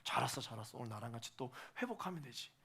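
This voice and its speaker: A man's voice: mid-range voice, animated, very fast, creaky, bright, forceful tone, breathy edge, pitched below the performer's own voice, full character voice. A male pastor voicing God as a fatherly figure who speaks straight to a struggling believer, repeating reassurances. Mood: gentle. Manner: speaks directly to the listener in second person, repeats reassurances. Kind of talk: sermon illustration.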